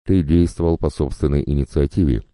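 A man voicing a stern female vice-admiral who speaks quietly but with steel. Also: extremely low pitch, steady tone, brisk, dry recording, studio quality. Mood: cold, accusing.

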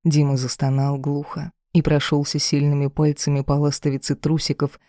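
A woman's voice: low-pitched, monotone, moderate pace, dark tone, no room sound, clean studio sound. A woman narrating a first-person story as an audiobook reader, in an emotional, dramatic reading.

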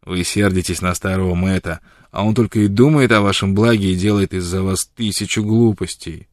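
Man doing a blunt gruff old frontiersman. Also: sits low, fairly even intonation, a little fast, no room sound, clean studio sound, lightly acted. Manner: blunt, loud and insistent.

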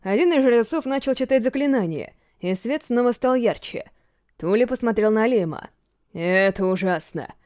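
Woman narrator for a fantasy audiobook, mellow tone, measured delivery, dry close sound. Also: a little high, expressive, no echo.

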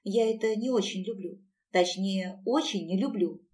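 A woman's voice: medium pitch, moderate pace, darkish tone, far from the mic, natural voice. A woman voicing a flippant modern young heroine who talks in a dry, slangy, sarcastic way, recorded a little away from the mic. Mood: wry.

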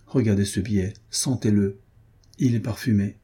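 A man's voice: on the low side, fairly even intonation, normal speed, warm tone, breathy edge. A man reading aloud, voicing a grief-stricken young noblewoman who pleads in a feverish, desperate way.

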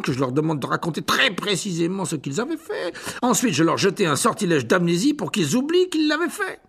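A performer playing a vain, evasive male wizard teacher in a storybook reading. The voice is gravelly and husky, swinging up and down in pitch as he hedges with fillers and nervous little laughs. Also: fairly bright tone, heavily acted.

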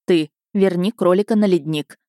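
A stern, composed widow necromancer who speaks in curt, calm commands, as a woman reader voices her. The voice is low and mellow, dry and close in a storybook telling. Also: normal speed, no room sound, lightly acted.

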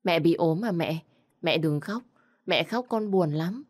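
A little girl of about nine, sweet and pleading, played by a woman reading the story aloud. She talks in a small, childlike way, and the voice is still fairly low for a child. It is recorded close and dry. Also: measured pace, darkish tone, no echo.

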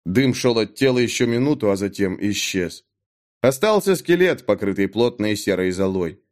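A man reading an audiobook story aloud with a dramatic, expressive delivery. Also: fairly low pitch, moderate pace. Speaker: narrator. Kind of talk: audiobook narration.

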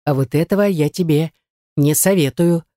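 A woman's voice: low-pitched, normal speed, warm tone, dry recording, studio quality, natural voice. A woman voicing a cold, menacing young man, an ex-boyfriend who speaks with icy contempt.

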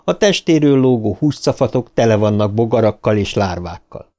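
A man reading an audiobook aloud in an expressive, dramatic narration style. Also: fairly low pitch.

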